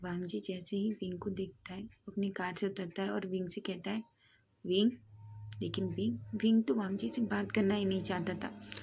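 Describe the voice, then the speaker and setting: A woman narrating a fan fiction love story aloud in steady storytelling. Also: mid-range voice, a little fast, gravelly, a little hiss or hum.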